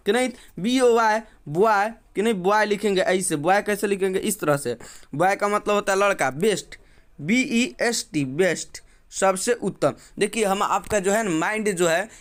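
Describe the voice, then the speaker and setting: A man teaching an English phonics lesson, repeating points and asking the viewer questions. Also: sits high. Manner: slow, drawn-out letter-by-letter spelling.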